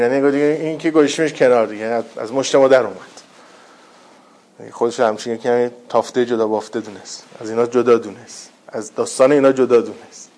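A man's voice: medium pitch, gravelly, darkish tone. A man giving a colloquial religious talk to listeners, speaking conversationally and acting out the voices of people he quotes. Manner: conversational, acts out quoted voices with rising intensity.

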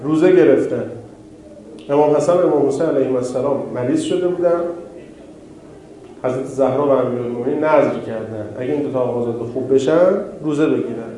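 Male preacher, mellow voice, talks with the congregation, very echoey hall with a faint hum behind. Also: medium pitch. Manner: conversational, rising emphasis on key phrases. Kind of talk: sermon.

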